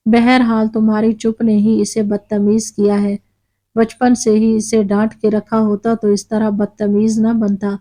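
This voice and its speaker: A woman's voice: medium pitch, flat delivery, dark tone, natural voice, rough recording. A woman voicing an outspoken female neighbour who lectures bluntly. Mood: lecturing.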